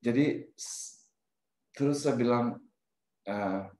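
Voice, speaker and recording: Middle-aged man from Indonesia, animated storyteller, mid pitch, roomy echo. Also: slow pace. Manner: animated, mixes in English phrases, trails off and restarts. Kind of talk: personal life story told casually.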